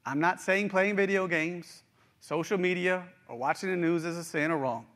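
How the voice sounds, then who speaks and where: This middle-aged preacher, a West Virginian with the accent to match, talks to his congregation directly in a homey, conversational sermon. The voice is high-pitched and a bit bright, moving at normal speed.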